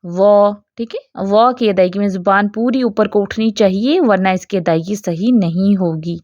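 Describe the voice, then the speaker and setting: A woman teaching a lesson on how to pronounce recited Arabic letters. She explains patiently and repeats each sound slowly. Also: mid-range voice, darkish tone, dry recording. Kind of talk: tajweed lesson with recited examples. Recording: dull lo-fi dry recording.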